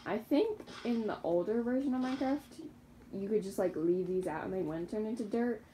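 Young woman, gaming commentary, rambling, self-correcting, mellow tone, faint background hiss. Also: medium pitch, fairly quick, low-quality recording. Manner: chatty and rambling, with self-correcting slips and laughs. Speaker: gaming YouTuber. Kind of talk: casual Minecraft gameplay commentary.

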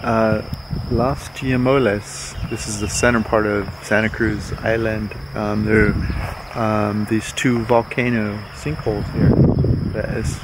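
This middle-aged travel vlogger has a fairly low voice and takes his time, with a noisy background around him. Standing outdoors on a green hillside, he rambles through a relaxed, casual tour of the island.

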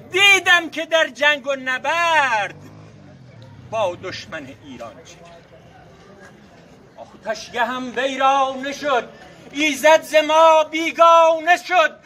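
High, forceful man declaiming epic verse. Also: slight background noise. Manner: declamatory, dramatic, proud, with forceful swells and drawn-out words. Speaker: storytelling performer reciting epic verse. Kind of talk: theatrical Persian naqqali epic recitation in rhymed verse.

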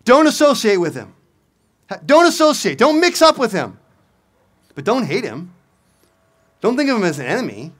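High-voiced man preaching outdoors. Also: fairly bright tone. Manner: preaching with rhetorical questions and emphatic repetition. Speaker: pastor. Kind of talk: sermon. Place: outdoor stage at a lectern. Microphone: stand mic on lectern.

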